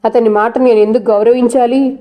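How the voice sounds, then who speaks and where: A woman's voice: on the high side, steady tone, brisk, warm tone, natural voice. A woman voicing a proud, bitter young married woman who talks back sarcastically and defiantly.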